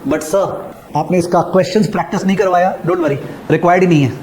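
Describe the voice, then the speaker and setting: A middle-aged man lectures on finance with a fairly high voice. He is emphatic and keeps repeating key phrases, dictating them slowly for students to copy down. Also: darkish tone, slight background noise, rough recording. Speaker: finance teacher. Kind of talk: classroom lecture mixing Hindi and English.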